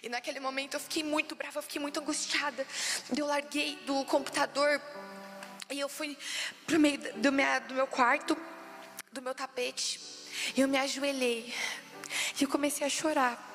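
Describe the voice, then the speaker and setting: High-voiced Brazilian woman preaching. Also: steady tone, moderate pace, pauses often, a bit bright. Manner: emotional, repeats phrases for emphasis. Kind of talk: sermon testimony. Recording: long reverb with faint background music.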